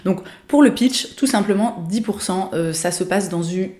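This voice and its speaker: A woman's voice: mid-range voice, normal speed, a little mellow, roomy sound. A young woman chatting casually about books and shows she recommends, with lots of hesitations and fillers. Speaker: lifestyle vlogger.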